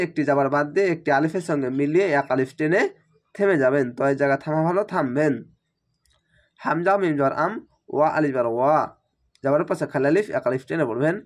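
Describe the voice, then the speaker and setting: A man with a somewhat high voice teaches recitation, breaking words into letters and vowel marks. He explains slowly and repeats himself with patience. His voice sounds a little strained, as if he is slightly unwell. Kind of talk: spelled-out recitation lesson.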